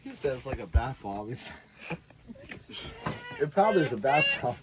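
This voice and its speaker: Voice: mid-range voice, big pitch swings, moderate pace. A person chatting casually and informally with the others. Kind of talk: casual chat. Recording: dull, noisy home recording.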